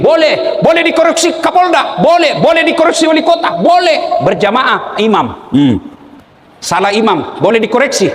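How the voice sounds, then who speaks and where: A man with a Makassar Indonesian accent preaching a humorous sermon to a live crowd, joking and shouting questions for the audience to answer. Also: very high voice. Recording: echoey hall, long reverb.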